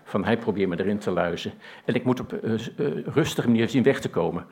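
A man's voice: lowish voice, fast, a little mellow, husky. A man telling a personal story in a plain, conversational way, with frequent hesitations and restarts. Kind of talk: personal story told to an audience.

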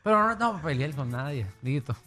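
A man's voice: a little high, expressive, quick pace, sharp tone, soft background music. A man hosting a radio show, teasing and laughing through the banter. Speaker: radio host.

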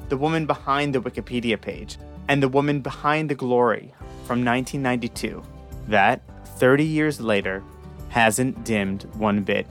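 A man in his twenties, a podcast host, giving a reflective scripted narration with measured, dramatic pauses and then interviewing a guest. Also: medium pitch, faint music behind. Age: 20s.

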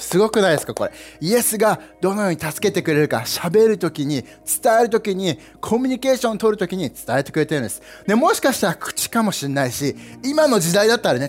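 Young guy pastor preaching, high voice that jumps all over, soft music under it. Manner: animated, playful, with sound effects and asides to the congregation. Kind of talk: lively sermon.

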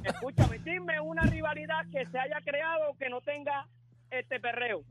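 A man from calling in to a sports show, pressing his point in a friendly, insistent way with slow, emphatic phrasing. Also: very high-pitched, very noisy. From Puerto Rico. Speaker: caller.

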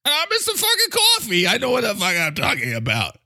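Brash, cussing Mister Coffee. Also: male voice, high voice, huge pitch swings, fairly quick, sharp tone, voice pushed up, heavily acted. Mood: cocky. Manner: swaggering, profane, pushy. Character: brash male talking coffee, cocky, swearing.

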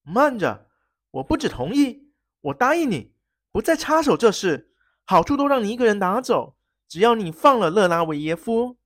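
A storyteller voicing a cunning, fierce gentleman thief who threatens and shouts. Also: mid-range voice, very animated, moderate pace, no room sound, clean studio sound, voice pushed up. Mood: furious. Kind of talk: storybook reading.

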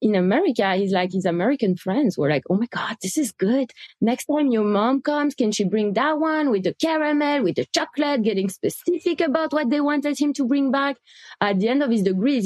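A woman's voice: a little high, animated, moderate pace, a little mellow, no room sound. A woman from Belgium, a company CEO guest speaking eagerly in a casual interview, often repeating words as she thinks.

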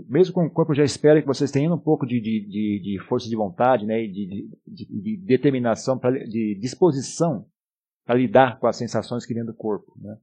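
A Brazilian man speaks as a meditation teacher at a retreat, in a mellow voice with a husky grain. He coaxes gently and without a script, often adding small tags that seek agreement. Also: medium pitch. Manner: unscripted, gently coaxing, often seeking agreement with short tags. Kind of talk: spoken talk and guided meditation instruction.

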